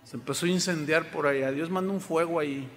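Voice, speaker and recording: Speaking fast in a fairly high, fairly bright voice, a male pastor delivers an emphatic sermon and frequently questions his congregation. The church sanctuary gives the audio a large hall's long reverb.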